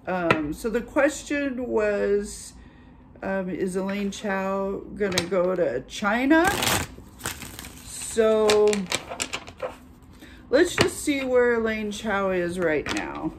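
A woman hosting her own channel, giving a casual tarot reading in an unhurried, chatty way with many filler pauses. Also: mid-range voice, expressive, background noise. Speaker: tarot reader and channel host.

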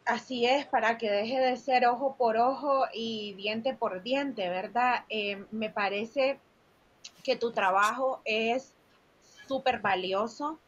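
A woman hosting an interview, responding with slow, affirming comments. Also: fairly high pitch. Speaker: interviewer host. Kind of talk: interview conversation. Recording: dull lo-fi sound.

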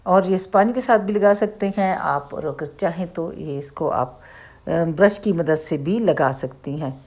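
A woman's voice: fairly low pitch, measured pace, a little mellow. A woman with a Pakistani Urdu accent, a makeup artist who talks through each step of a bridal look in a chatty tutorial voice-over. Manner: chatty, explains each step as she goes.

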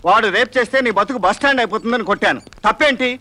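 A man's voice: high-pitched, rapid-fire, pushed and bright. A man playing a cocky film hero, trading teasing jabs in a film comedy.

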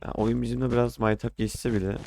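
A man's voice: medium pitch, little pitch movement, fast talker, vocal fry, noisy background. A young man casually commenting on his own gameplay, often frustrated, ranting and swearing at the game. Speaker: gaming streamer.

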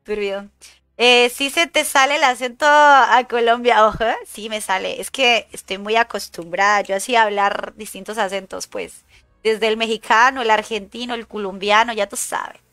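A young woman from Chile streaming a game, chatting excitedly, swearing at opponents and greeting viewers. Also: fairly high pitch, normal speed, smooth, no echo, soft background music. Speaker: gaming streamer. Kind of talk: casual live-stream chat while gaming.

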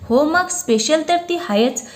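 A woman reading as a cheeky young husband who teases his friend and his wife with mock complaints. The storybook voice stays close to her own fairly high, light tone and keeps a joking, lively manner throughout. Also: a little slow. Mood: teasing. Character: teasing playful young husband.

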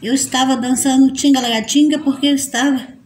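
High-pitched chatty woman live streaming. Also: fairly even intonation, brisk, a little mellow, slight background noise. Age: adult mother. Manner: chatty and affectionate, greets each viewer by name, laughs often. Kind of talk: casual live stream chat reading out viewer comments. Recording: roomy echo.

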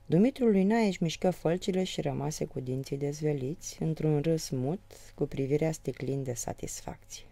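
A woman reading a novel aloud in a lively, expressive way, shifting her voice for the characters. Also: sits low, creaky, few pauses, no room sound. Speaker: audiobook reader.

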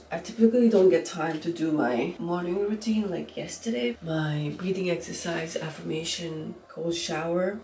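A woman's voice: fairly low pitch, dark tone, slight background noise. Chatty woman in her thirties, echoey room. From Nepal. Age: 30s. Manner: chatty, rambling asides while getting ready. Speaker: vlogger. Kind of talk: casual vlog talking to camera. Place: apartment at home.

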